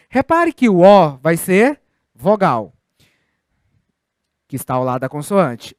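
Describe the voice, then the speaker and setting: A man's voice: high-pitched, clean tone, no room sound, studio quality. A Brazilian man giving a recorded grammar lesson, explaining step by step and asking his students rhetorical questions. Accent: Brazilian Portuguese. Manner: didactic, addresses students directly with rhetorical questions. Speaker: Portuguese teacher.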